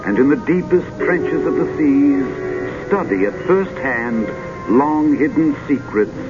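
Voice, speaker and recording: A man narrating in a grand, dramatic, measured old sci-fi announcer manner, like a vintage futurist documentary, with drawn-out poetic phrasing. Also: on the high side, lively intonation. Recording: dull vintage film soundtrack with music.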